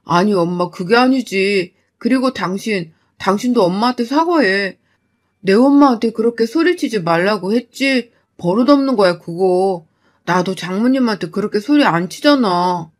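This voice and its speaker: A woman's voice: medium pitch, lively intonation, normal speed, natural voice. A woman voicing an adult son and husband who pleads with his mother in an exasperated tone. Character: pleading adult son caught between wife and mother, man.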